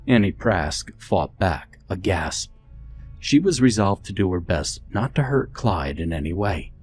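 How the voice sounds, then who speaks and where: Deep-voiced man narrating horror. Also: big pitch swings, measured pace, a little mellow. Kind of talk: scripted horror story narration. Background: faint background music.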